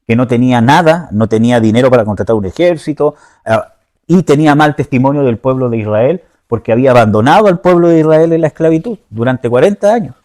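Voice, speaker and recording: Man, preacher, warm mellow voice, informal teaching sermon, keeps checking in with listeners. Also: medium pitch. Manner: informal, checks in with listeners often, searches for words aloud.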